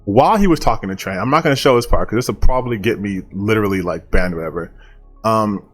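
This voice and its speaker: A man's voice: on the low side, expressive, fast talker, soft background music. A male online commentator talking casually and bluntly, dismissive and opinionated, with some casual swearing.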